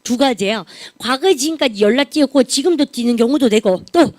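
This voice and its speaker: A woman teaching English grammar in a lively classroom lecture, often prompting the class to repeat phrases aloud. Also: fairly high pitch, brisk, dry recording. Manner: refers to herself as 쌤 (teacher). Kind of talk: classroom grammar lecture with call-and-response drills.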